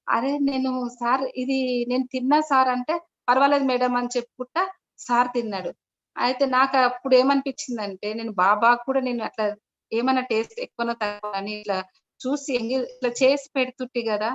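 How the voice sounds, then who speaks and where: Woman, middle-aged, fairly high voice, rambling personal testimony, dull muffled video call audio. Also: a bit bright. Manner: rambling storytelling, restarts often, keeps addressing "sir". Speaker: meditation practitioner sharing her experience. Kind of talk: personal testimony told to an online meeting.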